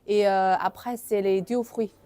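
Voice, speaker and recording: A woman's voice: mid-range voice, steady tone, moderate pace, warm tone, smooth. Woman, hesitant. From China. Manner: simple, slightly broken French with hesitations. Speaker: tea shop manager. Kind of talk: casual interview answers.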